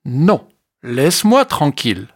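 A storyteller voicing a proud, grumpy and lonely male ibex who grumbles slowly in a low voice. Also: big pitch swings.

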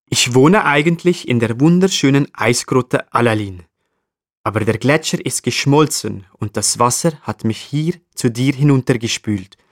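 A man's voice: mid-range voice, expressive, normal speed, no room sound, studio quality, lightly acted. A man voicing a small, cheerful male flea in a children's story. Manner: cheerful, chatty.

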